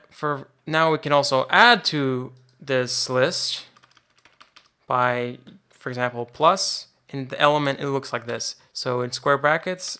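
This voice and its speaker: Gravelly, bright-voiced man teaching code. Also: medium pitch. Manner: informal, thinks aloud with frequent restarts. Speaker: programming instructor. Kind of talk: screen-recorded coding tutorial.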